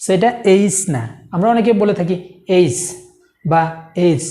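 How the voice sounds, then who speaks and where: A woman teaching English pronunciation, saying each sound slowly and drilling it over and over for the viewer. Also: mid-range voice, dark tone, roomy sound. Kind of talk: Bengali spoken English lesson.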